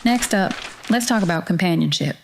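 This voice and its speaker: A woman's voice: fairly low pitch, animated, fairly quick, creaky, slight background noise. A woman with a Southern US accent playing a folksy, no-nonsense detective agency secretary, chatting directly to the listener in scripted noir-style podcast narration. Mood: folksy, inviting. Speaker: podcast host.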